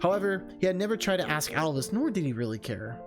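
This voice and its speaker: A video game streamer with a medium-pitched, very animated voice talks quickly and informally, reading a visual novel aloud and chatting to viewers in a casual vlog style. Music plays in the background.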